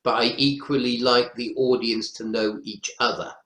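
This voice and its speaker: With a sharp tone, a mid-range voice, fairly even intonation and a moderate pace, a man from North Wales describes his teaching practice as a lecturer. The setting is an online webinar panel in an indoor room, where the sound has a roomy echo.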